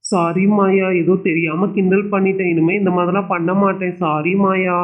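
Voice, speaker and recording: A man's voice: sits high, level tone, natural voice. A man voicing a cheeky schoolboy in a doll show, drawling and mocking. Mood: apologetic. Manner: mocking, giggling, slow drawl. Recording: tinny phone-like sound.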